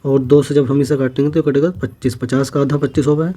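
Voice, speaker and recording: Mellow-voiced male maths teacher. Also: mid-range voice, level tone, fast talker. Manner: works problems step by step, repeating each figure as he writes. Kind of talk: exam-prep maths lesson.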